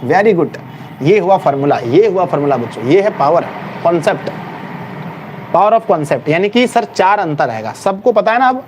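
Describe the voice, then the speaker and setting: Middle-aged male math tutor, high-pitched, lively and teasing, faint traffic noise behind. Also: normal speed. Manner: lively, calls students "my child", teasing scolding. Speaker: math teacher. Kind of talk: classroom lecture. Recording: faint background noise with passing vehicles.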